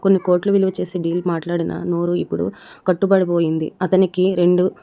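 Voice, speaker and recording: A woman narrating a dramatic story in a steady reading style. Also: fairly low pitch, fairly quick, creaky, muffled recording.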